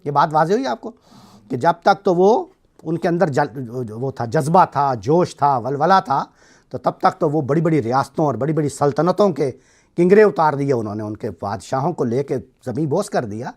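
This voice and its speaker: A fairly high, expressive voice belongs to a middle-aged teacher with a Pakistani accent. In his classroom lecture, he breaks explanations into steps and regularly confirms his students understand.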